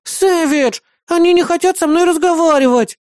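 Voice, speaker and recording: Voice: very high-pitched, normal speed, darkish tone, no echo, studio quality, pitched above the performer's own voice. A reader voicing a brash, childish young woman who whines, pleads and bosses people around, in an audiobook. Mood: wheedling. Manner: whiny, pleading, bossy.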